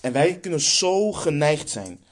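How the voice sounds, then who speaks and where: A man's voice: fairly high pitch, big pitch swings, a little slow. A man with a Dutch accent preaching a sermon, emphatic and stressing points by repeating phrases.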